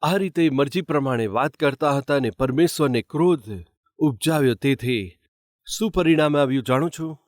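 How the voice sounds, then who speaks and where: A man's voice: a little high, moderate pace, no echo, studio quality. A man preaching a sermon as pastor, asking his listeners rhetorical questions. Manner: asks the congregation rhetorical questions.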